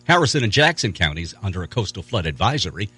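A man delivering a scripted radio weather forecast in a husky voice. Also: deep voice, sing-song, fast talker, sharp tone, no room sound.

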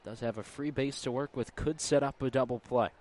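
A man's voice: mid-range voice, steady tone, brisk, darkish tone. A man calling baseball play-by-play live, in clipped, terse phrases. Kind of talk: live play-by-play sports commentary. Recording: clear outdoor ambient noise. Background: outdoor ballpark ambience.

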